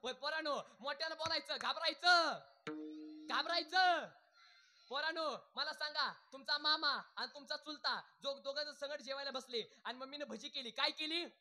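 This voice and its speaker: High, bright-voiced kirtan preacher. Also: male voice, fairly quick, hardly any pauses. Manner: animated, quizzes the crowd and calls for loud answers; jokey village storytelling. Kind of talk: humorous devotional kirtan sermon.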